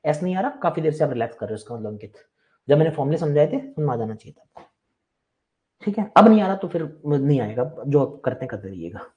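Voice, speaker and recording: A man's voice: on the high side, sing-song, fast talker, a little mellow, dull audio. A man teaching a live online maths class, chatty and reassuring but firm with students who interrupt.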